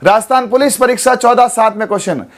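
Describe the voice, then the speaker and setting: A man teaching an exam-prep class, hoarse from a sore throat, quizzing students and repeating memory tricks. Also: very high voice, quick pace. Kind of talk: animated online exam lesson.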